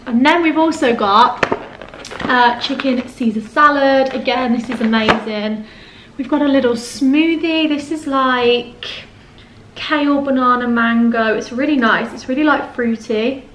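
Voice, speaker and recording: A woman's voice: high voice, measured pace. A young woman chatting casually to camera while she eats, gushing about the food and sitting on the floor at home. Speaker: vlogger. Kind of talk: casual mukbang chat to camera. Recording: echoey room, faint background noise.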